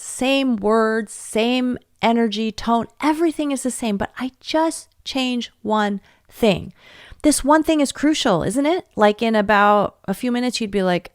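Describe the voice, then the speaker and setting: A woman in her forties giving a teaching webinar to parents, talking in a lively way, laughing often and acting out quoted voices. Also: fairly high pitch, dry recording, clean studio sound. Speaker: webinar presenter. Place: home office, not in the same room as her audience.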